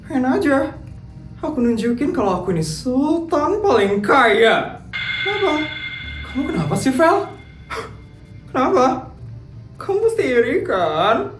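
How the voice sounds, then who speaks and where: A woman voicing a spoiled, boastful rich schoolgirl who taunts and giggles loudly in a cartoon. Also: high-pitched, sing-song, measured pace, long pauses, echoey room, soft background music, pitched above the performer's own voice. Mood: taunting. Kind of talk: cartoon voice acting.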